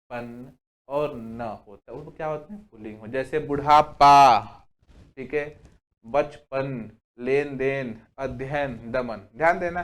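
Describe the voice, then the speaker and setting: A young man teaching a Hindi grammar lesson, asking questions and answering them himself, saying "okay" again and again, and listing examples slowly word by word. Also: mid-range voice. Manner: asks the class questions and answers them himself, repeats "ठीक है" often. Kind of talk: exam-prep grammar lesson.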